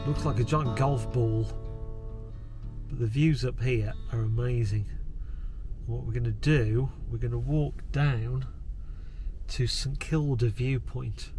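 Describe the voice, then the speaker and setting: A man's voice: mid-range voice, steady tone, slow pace, warm tone, soft background music. A man casually narrating a camper van travel vlog, pointing out the sights around him. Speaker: vlogger. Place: outdoors on a windy hilltop and inside a camper van.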